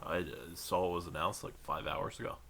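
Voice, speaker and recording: A man's voice: low-pitched, flat delivery, brisk, a bit bright, slight background noise. A man co-hosting a podcast, chatting casually with dry jokes. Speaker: podcast co-host. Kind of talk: casual chat.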